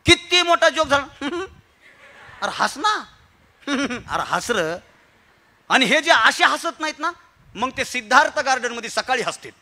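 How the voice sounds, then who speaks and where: A man with a Marathi accent giving a humorous motivational kirtan talk, moving from quiet storytelling to emphatic exhortation with rhetorical questions and repetition. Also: very high voice. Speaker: kirtan speaker. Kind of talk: humorous motivational speech to an audience.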